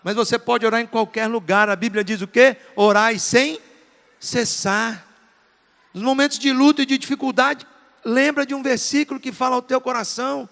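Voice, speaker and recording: A man's voice: very high-pitched, steady tone, fast talker, creaky, fairly bright tone. A middle-aged male pastor from Brazil preaching a sermon, earnest and emphatic, repeating key phrases for weight. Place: large church hall. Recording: long reverb of a church hall.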